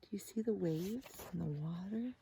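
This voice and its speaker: Reading a picture book aloud to little kids, a woman teacher speaks gently at a moderate pace, with sing-song, exaggerated expression and frequent direct address. Her medium-pitched voice is creaky with a breathy edge.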